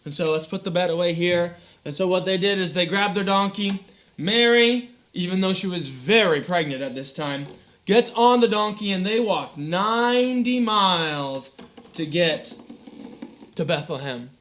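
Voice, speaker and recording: A playful man tells a story to children and speaks straight to them. His voice is high and bright, and he jokes and talks to the kids throughout. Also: unhurried. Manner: playful, animated, uses props, addresses children. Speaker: children's pastor.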